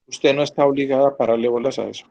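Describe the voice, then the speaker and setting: A man's voice: medium pitch, fairly even intonation, very fast, creaky, dark tone. A man teaching an online Bible class, earnest and often checking that his students follow. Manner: earnest, asks students to confirm.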